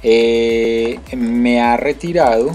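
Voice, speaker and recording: A man's voice: mid-range voice, steady tone, drawn-out words, darkish tone, faint music behind. A man with a Colombian Spanish accent explaining a screen-recorded tutorial step by step, with many fillers and restarts. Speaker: tutorial host.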